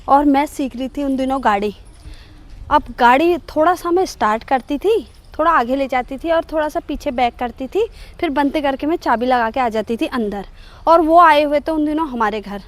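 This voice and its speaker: A middle-aged woman telling a comic personal story to her viewers in an animated, self-mocking way. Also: sits high. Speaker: vlogger.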